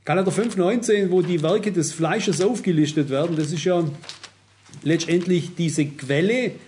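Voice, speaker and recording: A man's voice: high voice, normal speed, darkish tone, a little hiss or hum. An older man preaching a sermon, earnest and warning, repeating phrases for emphasis.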